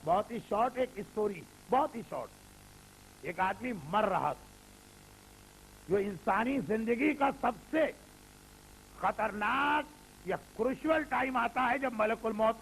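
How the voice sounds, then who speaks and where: High-voiced older man preaching a sermon. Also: fairly bright tone, slight background noise, rough recording. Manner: repetitive rhetorical preaching, mixing in English words. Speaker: Shia cleric preaching.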